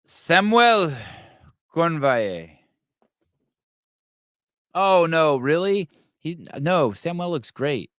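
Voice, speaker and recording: A man's voice: a little high, very animated, very slow, long pauses, fairly bright tone, dry recording, clean studio sound. A man hosting a podcast in loose, casual interview chat, swearing freely and stammering on restarts. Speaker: podcast host.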